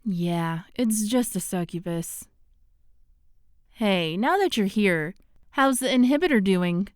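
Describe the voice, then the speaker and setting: A woman voicing a bossy, confident witch in an animated series, brisk and sassy with a commanding manner. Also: medium pitch, dry recording, clean studio sound. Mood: casual. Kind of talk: animated web series voice acting.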